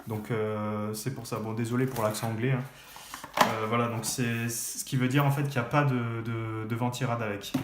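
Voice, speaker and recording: A man's voice: mid-range voice, little pitch movement, normal speed. A man unboxing computer parts in a casual vlog, talking hesitantly with lots of fillers and restarts. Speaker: tech youtuber. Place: room at his desk. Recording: echoey room, faint background noise.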